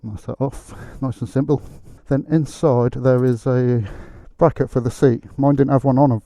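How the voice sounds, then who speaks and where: A man's voice: mid-range voice, steady tone, moderate pace, warm tone. A man giving a casual hands-on repair tutorial, his voice muffled as he talks from inside a motorcycle helmet. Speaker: motorcycle repair video presenter. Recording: close, dry, muffled helmet audio.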